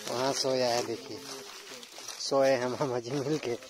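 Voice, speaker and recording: A young man narrating a casual vlog to his viewers while walking through a dark forest at night, chatting slowly and laughing now and then. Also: mid-range voice, steady tone, very noisy. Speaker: vlogger. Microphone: handheld phone camera.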